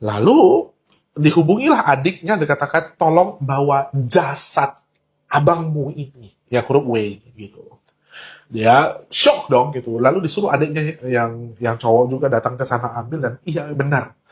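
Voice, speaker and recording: A man's voice: medium pitch, lively intonation, moderate pace. A man telling a warning story to his viewers in an urgent, emphatic way, mixing casual slang into his talk. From Indonesia. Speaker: online talk host. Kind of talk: earnest warning monologue.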